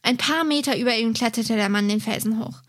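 A woman reading a detective story aloud in a steady, measured way. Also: a little high. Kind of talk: reading a novel excerpt aloud.

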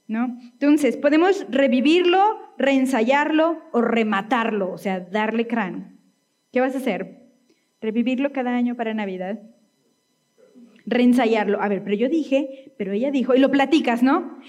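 A woman's voice: a little high, measured pace, a little mellow, highs cut off. Chatty woman pastor. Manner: conversational preaching with frequent tag questions. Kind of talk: sermon.

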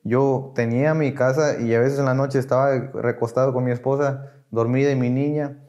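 A man's voice: medium pitch, steady tone, moderate pace, darkish tone, dull audio. Mexican man telling his story, slangy and raw. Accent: Mexican Spanish. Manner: slangy, emotional storytelling with acted-out quotes. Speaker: podcast guest. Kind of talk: casual conversation.

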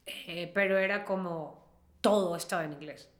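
A woman's voice: fairly low pitch, fairly even intonation, moderate pace. Chatty woman singer in a roomy room. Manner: chatty, trails off and restarts, many fillers. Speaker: singer-songwriter guest. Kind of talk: casual interview chat. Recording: roomy echo.

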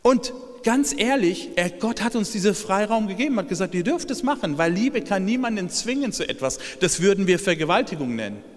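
A man preaches a sermon with a high-pitched voice, shifting from hushed phrases to loud, excited calls. His voice rings with a long reverb, as if he stands in a large church hall. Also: a little fast, few pauses. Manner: lively preaching, swings from soft to shouted. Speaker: pastor.

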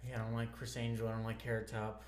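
A man's voice: fairly low pitch, completely flat delivery, fast talker, a little mellow, roomy sound, slight background noise. A man co-hosting a casual podcast, laid-back, mostly giving short agreeing replies. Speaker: podcast co-host.

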